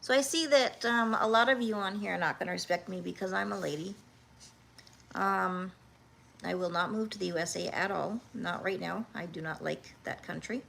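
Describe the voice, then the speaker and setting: Gravelly-voiced woman in her fifties. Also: lowish voice, fairly bright tone. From Canada. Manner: earnest and halting, with many restarts. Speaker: livestream host. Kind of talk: casual livestream chat, answering comments.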